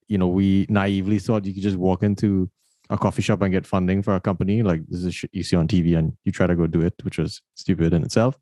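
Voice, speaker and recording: This podcast host has a low-pitched voice with a darkish tone, captured in a dry recording. During a casual interview conversation he speaks thoughtfully and tells stories, often repeating words as he begins his sentences.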